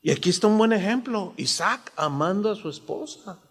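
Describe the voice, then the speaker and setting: A man's voice: sits high, animated, moderate pace, breathy edge. A man in his sixties with a Mexican accent, preaching a sermon in a conversational way full of rhetorical questions. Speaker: pastor. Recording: long hall reverb.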